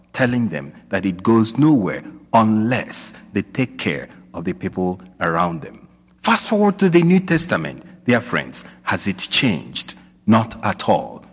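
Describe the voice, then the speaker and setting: A man's voice: lowish voice, slightly rough. A man preaching a sermon in a church, posing rising questions and repeating points for emphasis, his voice ringing with cathedral echo. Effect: cathedral echo, long reverb of a large church. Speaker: priest. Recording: long church hall reverb.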